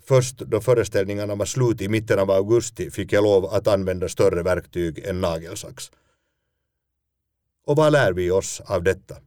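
A man's voice: sits low, a little mellow, clean tone, dry recording. A man, a stage actor, telling a first-person story in a dry, self-mocking way.

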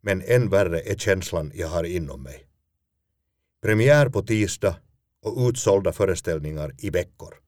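A man's voice: low-pitched, hardly any pauses, darkish tone, dry recording. A man, a stage actor, telling a first-person story in a dry, self-mocking way.

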